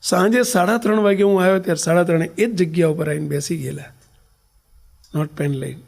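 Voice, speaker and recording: A man with a Gujarati accent gives a storytelling sermon as a swami. His voice sits a little high, with a gravelly, husky edge. He swings between loud, stressed lines and soft, near-whispered ones. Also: fairly quick. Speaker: swami giving a religious discourse.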